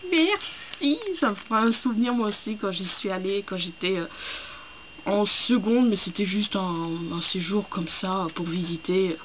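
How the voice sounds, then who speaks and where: A young woman from France chatting casually as she unboxes gifts, gushing and excitable, with many hesitations and fillers. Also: medium pitch, moderate pace. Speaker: book vlogger. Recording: dull lo-fi home recording with faint hiss.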